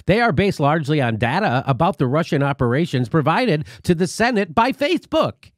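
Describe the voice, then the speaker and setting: A man's voice: a little high, big pitch swings, brisk, no room sound, studio quality. Sarcastic man hosting a comedy talk show. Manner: sarcastic, mocking, profane. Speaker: host. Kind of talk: comedic political commentary.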